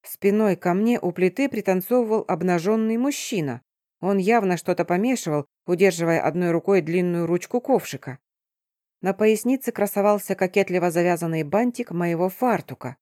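A young woman narrating a first-person audiobook, expressive, dropping softly for whispered and inner lines. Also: fairly low pitch, dry recording, clean studio sound. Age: young adult. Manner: expressive, with soft dips for whispers and thoughts.

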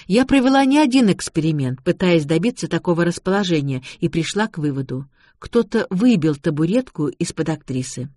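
A polite young woman investigator, as a male reader puts her on sits a little higher than his own voice and lays out her case patiently. She sounds apologetic and careful. The dry, close audiobook sound is plain. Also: lively intonation, a little fast, a little mellow, no echo, close to an everyday voice. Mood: explaining. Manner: apologetic, reasoning step by step.

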